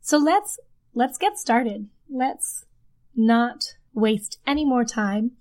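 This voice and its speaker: Slow and expressive, this woman's voice sits fairly high with a darkish tone. She hosts a podcast and spins casual, chatty stories that keep doubling back. Her den has a blanket fort, and she records there into a desk mic covered by a blanket.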